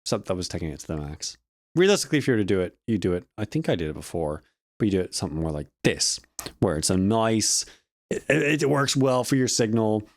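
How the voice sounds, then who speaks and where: Brief: young male vlogger, low-ish voice, rambling and self-correcting, dry close mic. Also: sing-song, fast talker, no room sound. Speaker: audio student and vlog host. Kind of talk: casual spoken recap of a lecture. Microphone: close studio microphone with a compressor.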